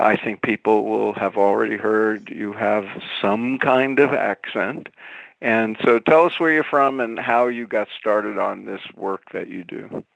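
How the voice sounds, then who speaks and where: A man's voice: fairly low pitch, gravelly, dry recording, highs cut off. A man co-hosting an interview, asking questions with many hesitant fillers. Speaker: co-host.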